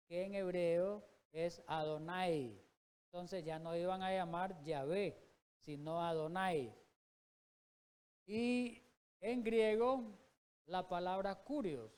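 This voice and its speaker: Male preacher with a high voice, reading verses aloud and explaining them point by point. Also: darkish tone. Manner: reads scripture aloud, then explains it with rhetorical questions. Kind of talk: Bible study sermon.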